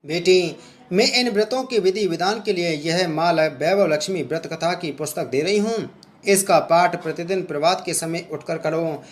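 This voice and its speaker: A man's voice: a little high, normal speed, lightly acted. A man voicing a kind old temple mother who consoles and instructs in a soothing way. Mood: instructing. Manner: soothing, reassuring.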